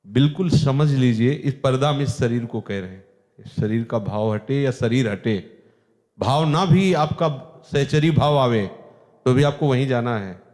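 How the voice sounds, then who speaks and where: Slow, dark-voiced spiritual teacher in a hall. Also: male voice, medium pitch. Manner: earnest, emphatic devotional teaching. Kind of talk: devotional discourse. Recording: long hall reverb.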